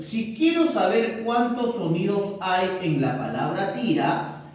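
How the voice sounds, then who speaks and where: A male teacher giving a recorded lesson, unhurried and checking in with the class often. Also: sits high, darkish tone. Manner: unhurried, keeps checking in with correcto and ya. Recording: echoey room, mic at a distance.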